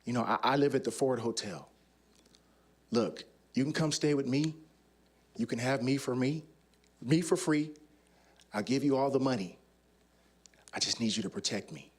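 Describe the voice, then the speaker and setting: A man voicing a weathered young woman on the street, speaking low and pleading. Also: moderate pace, long pauses, husky, lightly acted.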